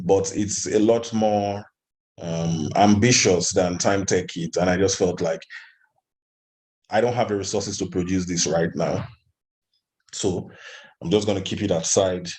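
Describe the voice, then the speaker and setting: A Nigerian man who founded an animation studio gives conversational interview answers in a deep, slightly mellow voice. His phrasing is hesitant, with repeated restarts.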